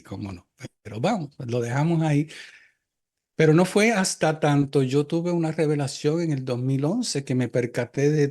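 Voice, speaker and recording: An older man, a guest in an interview, recounting personal experiences in a reflective, hesitant way with frequent filler pauses. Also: mid-range voice, a little mellow.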